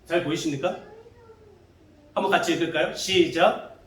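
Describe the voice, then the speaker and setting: A man's voice: on the high side, moderate pace, fairly bright tone. A male pastor preaching a sermon, asking the congregation questions and acting out what scoffing neighbors might have said. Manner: asks the congregation questions, acts out neighbors' taunts. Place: church sanctuary. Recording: echoey church hall from far off.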